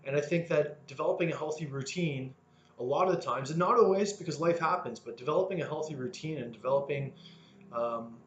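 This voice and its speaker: A man's voice: mid-range voice, reverberant, muffled recording, slight background noise. A man in his thirties talking earnestly about his motivation in a casual, rambling monologue full of restarts. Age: 30s. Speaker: fitness vlogger.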